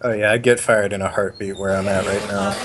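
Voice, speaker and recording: A man's voice: fairly low pitch, little pitch movement, a little fast, background noise. A man co-hosting a casual podcast, easygoing and laughing often. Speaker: podcast co-host. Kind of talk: casual chat.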